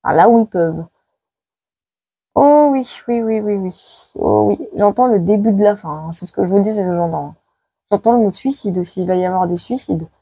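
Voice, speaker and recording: A husky, dark-toned woman's voice, mid-range with vocal fry, comes through a dry recording at a slightly quick pace. She's a psychic in a live tarot prediction video, making dramatic forecasts, saying things over and over with plenty of exclamations, and sounding exhausted by the heat.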